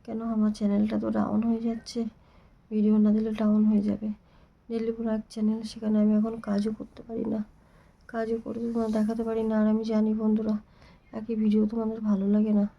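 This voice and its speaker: A woman with a sore, hoarse throat talking softly and half-whispering in a casual home vlog. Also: a little high, monotone, quick pace, lo-fi sound. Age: adult with a daughter. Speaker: vlogger.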